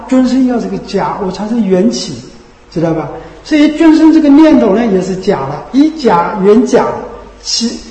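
A man giving a Buddhist sermon, often asking rhetorical tag questions and dropping low and soft on them. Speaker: Buddhist teacher. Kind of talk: Dharma sermon. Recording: echoey hall with long reverb.

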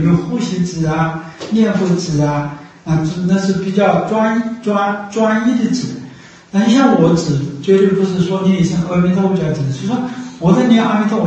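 A man giving an unhurried Buddhist dharma talk, repeating himself and pausing on drawn-out fillers. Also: high-pitched, dark tone. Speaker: Buddhist teacher. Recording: echoey room, voice from far off.

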